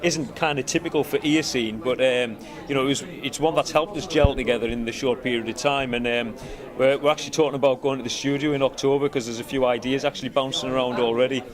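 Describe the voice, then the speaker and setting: A man's voice: mid-range voice, fairly even intonation, quick pace, hardly any pauses. A man with a Cumbrian accent, a band musician giving a casual interview in a rambling way, often saying "you know". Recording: busy crowd chatter around. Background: crowd chatter at a live event.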